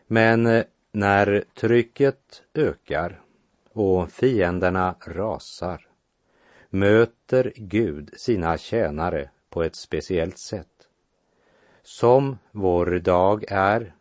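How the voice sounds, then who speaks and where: A man with a very low voice reads Bible passages and adds his own commentary between them. His delivery is measured and deliberate, and he slows down to stress the key lines. The recording is close and dry, with no room sound. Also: no room sound. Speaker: Bible teacher. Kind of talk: scripture reading with commentary.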